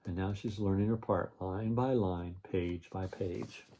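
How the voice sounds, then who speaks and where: A man's voice: low-pitched, steady tone, a little slow, dark tone, slight background noise. An older man with a grandpa voice, reading a children's picture book aloud and adding explanatory asides. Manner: grandpa voice, explains and repeats story points.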